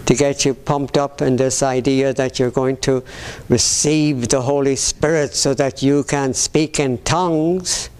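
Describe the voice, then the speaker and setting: A man preaching a sermon in a slow, deliberate way, often pausing and restarting his phrases. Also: medium pitch, darkish tone, clean tone.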